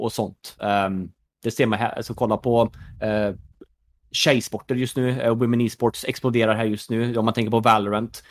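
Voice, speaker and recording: A man whose voice sits on the low side speaks casually on a podcast. He's Swedish, in his thirties, a one-time pro gamer turned esports executive, and his talk is dotted with fillers and "you know" asides.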